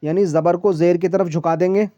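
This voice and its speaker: Patient teacher drawing out syllables, dull lo-fi sound. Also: male voice, high-pitched, fairly even intonation, dark tone, dry recording. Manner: patient, repeats and drawls syllables slowly to model pronunciation. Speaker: Quran reading teacher. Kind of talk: one-on-one recitation lesson.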